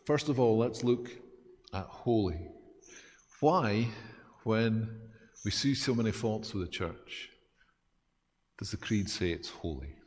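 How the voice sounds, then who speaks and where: Male pastor, low voice, lively, self-deprecating sermon, long church reverb. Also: slow, long pauses.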